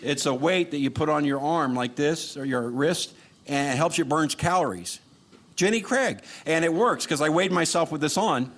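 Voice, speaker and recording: A man's voice: a little high, moderate pace, a bit bright. A man doing live stand-up comedy with a dry, sarcastic lilt, talking to his audience. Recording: noisy live comedy show recording. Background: audience laughter and noise.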